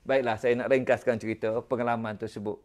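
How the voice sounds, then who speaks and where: A middle-aged man with a Malaysian Malay accent who tells a personal story as a preacher. He talks with animated exclamations and speaks directly to his listeners. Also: medium pitch, fast. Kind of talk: storytelling religious talk.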